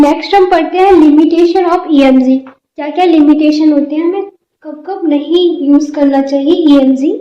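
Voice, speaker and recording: A woman with a high voice teaches a physiotherapy class, going through her notes one point at a time in a steady, explaining way. The sound is dull and lo-fi, with the echo of a roomy space around her.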